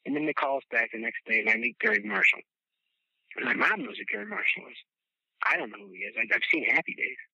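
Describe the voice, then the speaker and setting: A man in his thirties from the Chicago area, a podcast guest telling rambling, animated stories with casual swearing and laughter. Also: fairly high pitch, quick pace, gravelly, breathy edge, no echo. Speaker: podcast guest, former child actor. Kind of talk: casual storytelling chat. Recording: dull, dry lo-fi sound.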